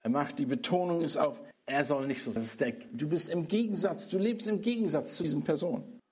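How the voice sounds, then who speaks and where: A man's voice: on the high side, a little fast, a little mellow, slightly rough. A middle-aged man preaching a sermon on a Bible passage, earnest and repeating phrases for emphasis.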